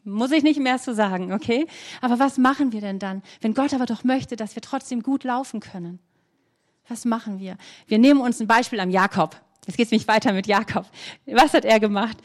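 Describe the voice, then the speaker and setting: A woman preaching a sermon, earnest, asking her listeners questions and reading scripture slowly with emphasis. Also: fairly high pitch.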